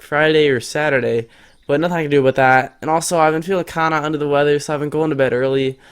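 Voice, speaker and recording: A teenage boy with a smooth, fairly high voice hosts a casual screen-recorded game tutorial. He chats and thinks aloud while building, sounding slightly congested from a stuffy nose.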